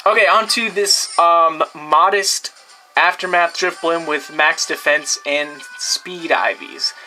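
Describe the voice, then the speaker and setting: A man's voice: a little high, sharp tone, poor audio. A young man casually walking through his game team, rambling with many fillers and restarts. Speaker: gameplay video creator.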